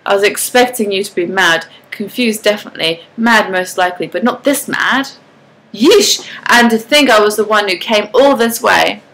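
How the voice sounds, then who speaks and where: A woman's voice: mid-range voice, normal speed, fairly bright tone, close to an everyday voice, poor audio. A woman voicing a young male mysterious soulmate, earnest and a little exasperated, in her own natural voice.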